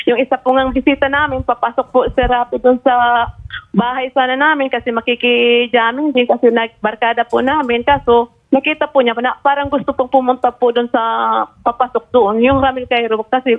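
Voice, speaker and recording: Woman calling in on a phone line, defensive long-winded account, tinny sound, soft music behind. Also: high voice. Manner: polite, rambling defensive account. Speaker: caller, accused neighbor.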